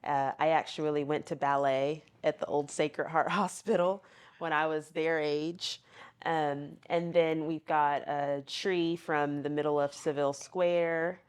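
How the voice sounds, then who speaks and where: A woman's voice: deep voice, steady tone, measured pace, clear, resonant tone. A woman with a Southern accent, an inn owner giving a casual tour and telling family history with frequent ums. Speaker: bed and breakfast owner. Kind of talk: casual guided tour interview.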